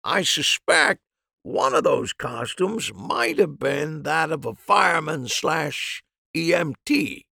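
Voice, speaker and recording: Man playing male sleuth, high-pitched, emphatic, explanatory, creaky, mystery audiobook. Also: lively intonation, slow, pushed and bright, dry recording, studio quality, exaggerated voice. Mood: emphatic explaining.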